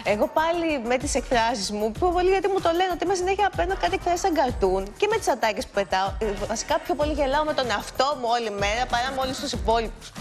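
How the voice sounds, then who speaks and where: A woman contestant talking in a lively, quick way. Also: high voice, faint music behind. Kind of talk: casual chat.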